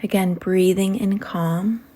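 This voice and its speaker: Leading a meditation in a soothing way, a woman keeps a steady tone at a medium pitch. Short phrases are followed by long pauses, and her speech trails off softly, nearly to a whisper.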